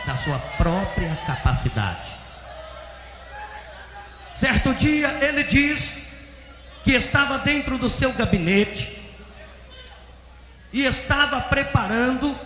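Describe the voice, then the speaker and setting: A pastor preaching a dramatic storytelling sermon, with emphatic, shouted peaks. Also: male voice, high-pitched. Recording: echoey church hall, faint noise.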